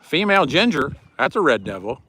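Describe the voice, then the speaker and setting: A man's voice: a little high, big pitch swings, a little fast, sharp tone, husky. A man with a Southern US hillbilly accent chats casually and saltily on a fishing livestream, recorded outdoors on a boat. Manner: folksy, colloquial, salty-tongued.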